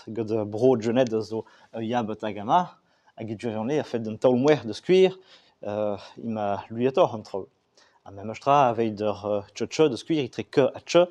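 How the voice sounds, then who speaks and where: A man giving an explanatory talk, speaking haltingly with many fillers and restarts. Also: medium pitch, mellow. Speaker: Breton language speaker discussing regional and school Breton.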